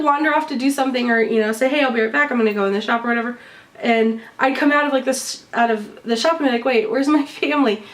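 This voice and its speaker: Recorded on a distant mic, this high-pitched woman is a vlogger presenting her shopping haul. Still getting over bronchitis and stuffed up, she talks to the camera in a cheerful, casual way, with plenty of ums.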